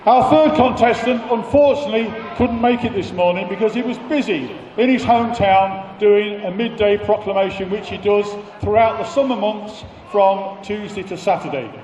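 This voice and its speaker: A man's voice: high voice, a little mellow, highs cut off. A man hosting a live competition, addressing the public in an informal, jokey compering style. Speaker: competition host and announcer. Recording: distant, echoey PA announcement with crowd.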